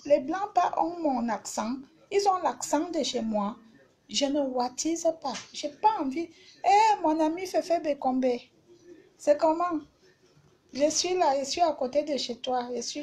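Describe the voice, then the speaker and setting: A woman's voice: high-pitched, warm tone, husky. A woman hosting a live stream, talking casually and bluntly, repeating herself as she insults her critics.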